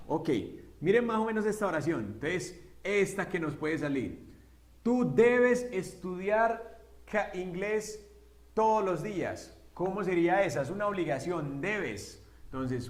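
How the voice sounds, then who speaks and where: A man teaching an English grammar lesson step by step, often checking in with a quick question. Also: fairly high pitch. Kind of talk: recorded classroom lesson. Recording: echoey room.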